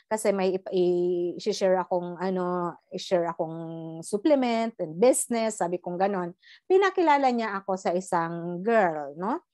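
A middle-aged woman from the Philippines giving a personal testimony in an animated storytelling manner, mixing in English and often tagging "no?". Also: on the low side, moderate pace, no room sound, clean studio sound. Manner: animated storytelling, Taglish, tag "no?". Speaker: guest sharing a life story.

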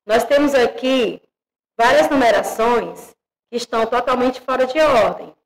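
A Brazilian woman teaching young children, spelling out syllables slowly and checking in with the class. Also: fairly high pitch, creaky, low-quality recording. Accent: Brazilian Portuguese. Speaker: primary school teacher.

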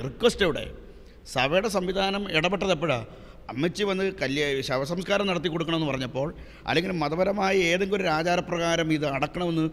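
A man speaking for a church on a discussion panel, explaining at length in a measured way with filler sounds. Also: on the high side, fairly bright tone, long reverb tail. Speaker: church spokesman.

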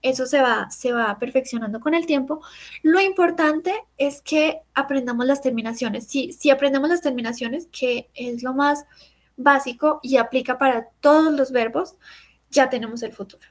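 A woman teaching a French class, patiently explaining and repeating each example slowly. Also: sits high.

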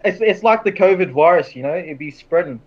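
A man's voice: sits high, expressive, brisk. A young man with an Australian accent, chatting casually in a laid-back, slangy way over a video call. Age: young adult. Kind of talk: casual chat. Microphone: headset on a video call. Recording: dull lo-fi video call audio.

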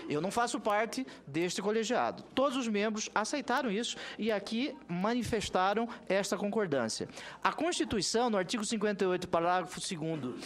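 A middle-aged Brazilian man, a senator making a formal legal argument with pompous, emphatic oratory and repeated phrases. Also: high voice. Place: large Senate committee room, indoors. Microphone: desk gooseneck microphone.

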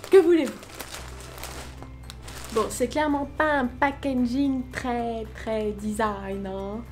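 Woman, casual review, frank mocking asides, higher pitch, soft background music. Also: little pitch movement, slow pace. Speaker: vlogger reviewing cheap clothes.

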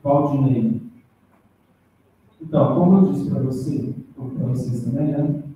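Man with a very dark voice, from afar. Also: mid-range voice. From Brazil, Rondônia. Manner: halting, with many tag questions and restarts. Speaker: seminar discussant. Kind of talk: academic feedback in a seminar. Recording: echoey room, distant mic, faint noise.

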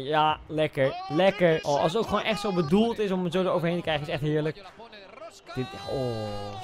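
A young man giving casual, excitable reaction commentary on football goals, swinging between loud outbursts and quiet muttering. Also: a little high.

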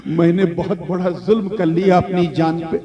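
A man's voice: high voice, flat delivery, natural voice. A man voicing a pious, remorseful young man in a sermon story, speaking in a pleading, earnest way. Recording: crowd audible behind.

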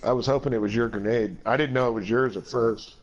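A man's voice: medium pitch, steady tone, quick pace, dull audio. A young man chatting while gaming with friends, laid-back, laughing often and swearing casually. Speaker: gamer playing with friends.

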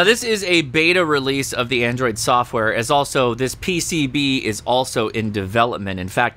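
An American man in his forties hosts a ham radio video channel, giving a casual, hands-on product demo to the camera from his indoor home studio and workbench. His medium-pitched voice has a sharp tone, and he comes across as conversational, enthusiastic, and instructional.

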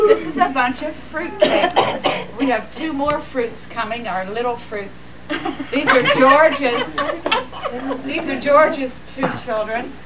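A woman's voice: high-pitched, slow. Chatty woman on old camcorder audio. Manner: joking, chatty, rambling with fillers. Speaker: relative greeting family on a home video. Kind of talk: casual home video chat. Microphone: camcorder's built-in mic. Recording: old camcorder audio, far from the mic, hissy.

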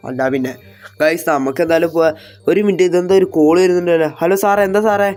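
A man role-playing a gangster in a game, talking to his viewers loudly, dramatically and in a panicky, bossy way. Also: on the high side, fairly even intonation, fast, soft background music. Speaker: gameplay streamer.

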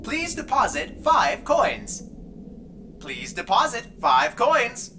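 Automated payphone voice from a woman, slow and deliberate, distant game audio with heavy noise. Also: high-pitched, vocal fry, exaggerated voice. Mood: mechanical. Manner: slow, flat, repetitive prompt. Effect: payphone recording heard from a game.

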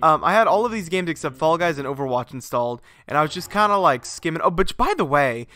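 Faint music sits under a fast, slightly high male voice with lively intonation and a pushed, bright quality. Congested from his sinuses, the young gamer rambles and curses freely during casual live-stream chat in his garage at home.

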